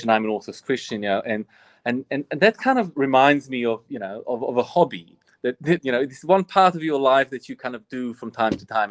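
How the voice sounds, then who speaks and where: A man of about forty speaks earnestly as a priest, circling back and restarting his thoughts. His voice sits at an ordinary middle pitch. The sound is close and dry, with no room around it. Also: no room sound. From Bosnia. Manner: earnest and reflective, frequent restarts. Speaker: Orthodox priest, guest. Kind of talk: personal storytelling in interview.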